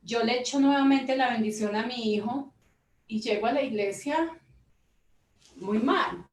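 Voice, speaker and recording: A woman shares her testimony with earnest feeling. Her voice sits a little high and she acts out the lines she quotes. The sound is echoey, with the mic set some way off. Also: unhurried, far from the mic. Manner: earnest storytelling, acting out quoted dialogue. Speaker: mother giving testimony. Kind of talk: emotional personal testimony.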